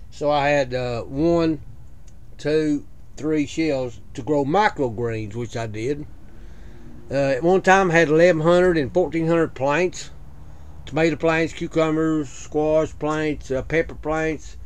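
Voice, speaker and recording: A man giving a casual walkthrough of his small greenhouse, plain-spoken and listing things with frequent "uh" pauses, recorded on a head-mounted camera. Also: fairly high pitch, a little mellow. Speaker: video creator giving a greenhouse tour. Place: small greenhouse at night, indoors. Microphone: head-mounted action camera.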